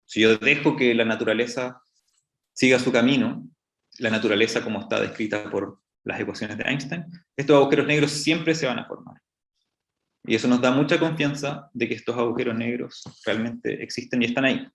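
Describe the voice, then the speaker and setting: A man's voice: medium pitch, brisk, vocal fry. A man giving a public astrophysics talk, explaining step by step with frequent restarts. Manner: explanatory, many restarts and "entonces, bueno". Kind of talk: public lecture. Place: lecture room. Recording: echoey room.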